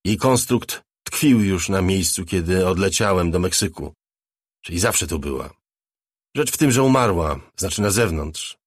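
A man voicing a brash, talkative young ex-hacker in an audiobook, a little louder and brighter than his narration. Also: low-pitched, animated, measured pace, breathy edge, dry recording, clean studio sound, heavily acted. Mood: boastful chatter. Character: cocky young male ex-hacker, chatty and sly.

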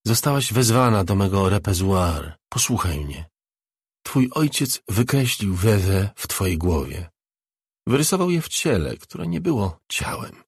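A man's voice: low-pitched, big pitch swings, measured pace, slightly rough, dry recording, clean studio sound, full character voice. A man voicing an ancient whispering death spirit. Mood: grave. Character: ancient female death spirit, grave and commanding. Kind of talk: audiobook reading.

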